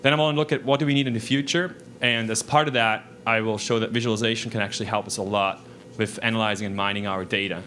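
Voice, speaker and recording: A man in his thirties gives a technical talk in a lecture room, his voice sitting a little low. He speaks casually, restarting sentences and filling pauses as he goes. A faint hum sits under the recording. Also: sharp tone. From Switzerland. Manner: casual, with frequent restarts and fillers. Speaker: conference speaker. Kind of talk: technical presentation.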